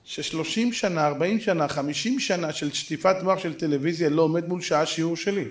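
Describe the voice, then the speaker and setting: A man's voice: on the high side, echoey room. A middle-aged rabbi giving a storytelling Torah lesson, acting out the people in his stories.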